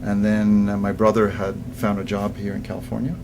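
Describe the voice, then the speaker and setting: Older man from Egypt, low voice. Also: fairly quick, background noise. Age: 60s. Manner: animated storyteller who repeats words when starting sentences. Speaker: guest business coach. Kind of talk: casual interview chat.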